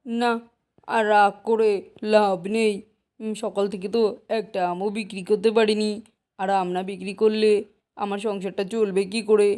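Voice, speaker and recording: A woman's voice: mid-range voice, level tone, normal speed, warm tone, close to an everyday voice. A woman voicing a poor mango seller. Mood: resigned. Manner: pleading, persuasive sales talk. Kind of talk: Bengali cartoon voice acting.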